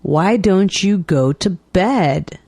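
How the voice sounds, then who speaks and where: Slow, lively-voiced woman reading dialogues. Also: on the low side, dry recording. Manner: clear, deliberate enunciation. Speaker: dialogue reader for English learners.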